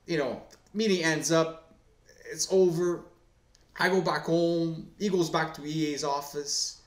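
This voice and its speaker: A man's voice: a little high, steady tone, a little slow. A man hosting a gaming video, talking casually to camera. He rambles and swears often, with many fillers and restarts. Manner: profane, rambling storyteller full of fillers and restarts. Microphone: face cam setup. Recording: echoey room.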